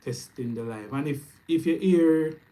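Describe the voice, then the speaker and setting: A man's voice: fairly high pitch, measured pace, low-quality recording. Jamaican man chatting on a live stream. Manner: loose, upbeat, repeats greetings and shout-outs. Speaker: YouTube trading streamer. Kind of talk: casual live stream chat. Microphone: camera mic, speaking to camera.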